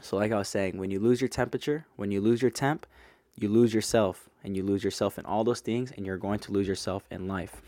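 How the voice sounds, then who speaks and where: A man's voice: lowish voice, steady tone, fairly quick, mellow, dry recording. A young man talking alone on his podcast, earnest and coaching, with many repeated rhetorical questions. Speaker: podcast host. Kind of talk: solo podcast monologue. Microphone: close microphone.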